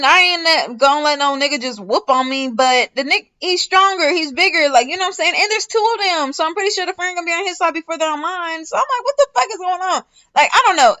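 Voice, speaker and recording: A young woman vlogger telling a casual storytime, animated and slangy, swearing often and talking straight to her viewers. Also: high-pitched. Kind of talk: casual storytime while doing a wig install.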